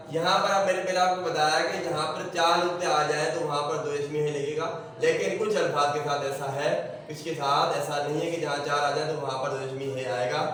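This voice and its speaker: A man's voice: fairly high pitch, a bit bright. Man teaching in a very echoey room. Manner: slow, explanatory, repeats each point. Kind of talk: classroom lecture on the alphabet. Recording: very echoey, voice from a distance with faint room noise.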